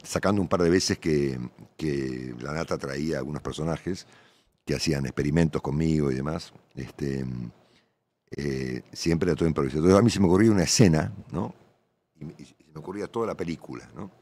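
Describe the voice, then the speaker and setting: Very deep-voiced Argentine man rambling. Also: fairly quick, a little mellow. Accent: Argentine Spanish. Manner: colloquial, rambling, frequent tag questions. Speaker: veteran radio journalist, guest. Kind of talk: casual interview talk.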